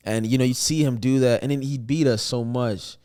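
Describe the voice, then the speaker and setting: A young man, a comedian guest on a podcast, telling joking stories in a loose, animated way that often trails off and restarts. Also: mid-range voice, a little fast, clean tone. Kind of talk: casual storytelling interview.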